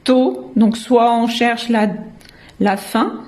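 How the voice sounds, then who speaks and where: A woman's voice: mid-range voice, takes it slowly, mellow. A French woman, a kindergarten teacher, patiently explaining how children learn to write words, sounding out syllables and letters one by one. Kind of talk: slow step-by-step teaching explanation.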